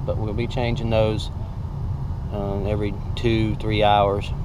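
A man chatting casually in a gentle, reassuring way inside a moving car. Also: on the low side, level tone, measured pace. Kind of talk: casual chat. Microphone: camera in the car, some distance away. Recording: muffled, loud car road noise. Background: loud engine and road noise.

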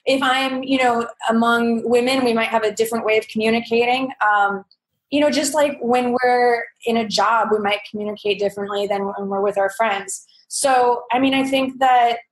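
Echoey, higher-pitched woman, patient teacher manner. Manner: patient English-teacher explaining. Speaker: guest, English teacher and entrepreneur. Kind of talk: conversational interview answers.

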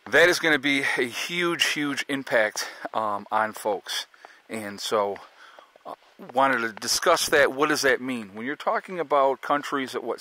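A man's voice: mid-range voice, bright, forceful tone. Rambling man vlogging on a snowy walk. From United States. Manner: earnest, rambling, addresses viewers as folks. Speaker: prepping vlogger. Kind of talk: casual vlog monologue. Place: outdoors on a snowy rural property. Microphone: phone camera held at arm's length while walking.

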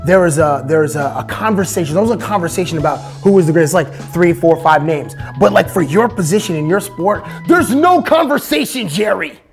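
A man's voice: high voice, animated, a little fast, hardly any pauses, faint music behind. A man in his thirties hosting a comic interview indoors on a lapel mic, hyper and bouncy, stumbling over his words. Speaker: host. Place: office room, indoors.

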